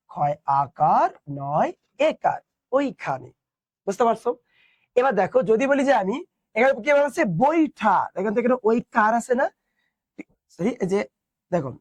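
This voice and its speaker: A man's voice: sits high, dry recording. A young man teaching an online class, explaining step by step and asking his students questions.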